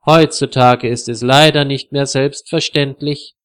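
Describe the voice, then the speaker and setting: A man voicing a flustered middle-aged hostess in a storybook reading, lifting his voice high and sounding fussy and short of breath. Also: steady tone, a little slow, fairly bright tone, clear, resonant tone, close to an everyday voice.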